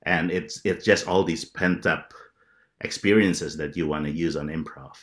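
Low-voiced man from Indonesia, thirties, reflective and halting, video call. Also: steady tone, fairly bright tone. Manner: hesitant, reflective, many restarts. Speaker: panelist, improviser. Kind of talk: casual video call chat.

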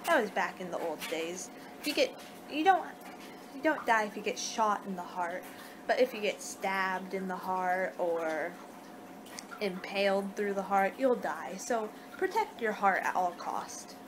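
A young American woman does a casual ASMR vampire roleplay, rambling conversationally in her living room at home. Her mid-range voice keeps a measured pace, captured on a noisy amateur webcam recording.

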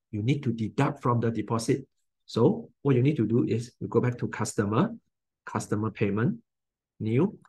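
A man in his forties with a Malaysian English accent, talking through a software tutorial in plain step-by-step instructions. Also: medium pitch, slightly rough. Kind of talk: screen-recorded software tutorial.

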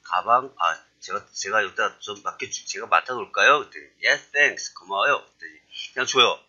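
Bright-voiced male English teacher. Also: on the low side, animated, a little fast, lo-fi sound. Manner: acts out short English dialogues, then explains them. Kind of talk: lecture.

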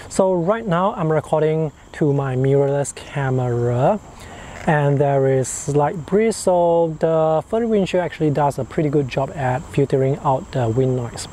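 A man's voice: a little high, dark tone. A middle-aged man giving an explanatory product review to camera outdoors on a clip-on mic. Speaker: gear reviewer. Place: outdoors in a park and garden. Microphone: wireless clip-on mic on chest. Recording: outdoor recording, faint ambient noise.

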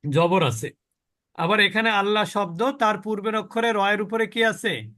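A man teaches a Quran pronunciation lesson in a high, sharp voice. He goes slowly and explains, stretching out the words he models and putting questions to the class.

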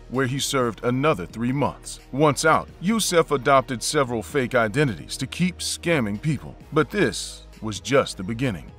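A man giving a steady, scripted narration of a true-crime story. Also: medium pitch. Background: faint background music.

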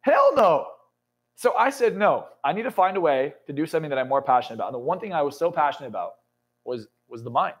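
A twenty-something motivational coach speaks intensely in a podcast interview recorded in a studio lounge, swearing freely and rising to excited peaks. His voice is a little high and fast, with a breathy edge.

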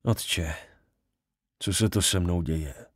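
A man's voice: deep voice, slightly rough, no echo, clean studio sound. A man playing a desperate young man. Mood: pleading, shaken. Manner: pleading, with flashes of anger. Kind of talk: audiobook character voicing.

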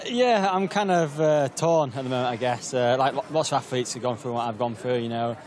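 A man's voice: medium pitch, brisk, darkish tone. A man triathlete speaking reflectively and a little hesitantly in a post-race interview.

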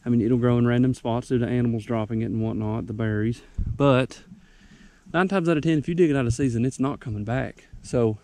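Here the young man's warm, medium-pitched voice moves a bit quickly over a dry recording. Breathless on a wooded slope, he shares loose, folksy how-to pointers for his casual ginseng-hunting vlog outdoors.

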